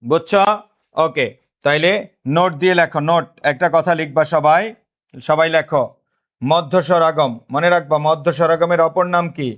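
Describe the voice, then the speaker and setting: A man's voice: on the high side, fairly even intonation, moderate pace, pauses often, a bit bright, dull audio. A man with a Bangladeshi accent teaching a live online grammar class, asking the same questions again and again and calling himself big brother to his students. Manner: drilling students with repeated questions.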